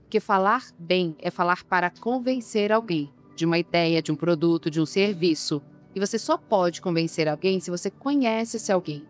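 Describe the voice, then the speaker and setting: A woman's voice: fairly low pitch, normal speed, hardly any pauses, soft background music. Emphatic woman coaching on communication. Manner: emphatic, rhetorical questions. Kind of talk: podcast interview.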